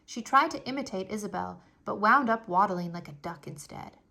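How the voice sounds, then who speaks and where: A woman reading a children's chapter book aloud, narrating in an expressive, animated way. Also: medium pitch, normal speed, gravelly.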